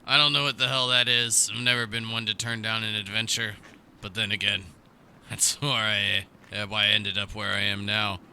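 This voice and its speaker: A man's voice: on the low side, little pitch movement, moderate pace, gravelly, bright, forceful tone, a little hiss or hum, exaggerated voice. A man voicing a wry talking sword.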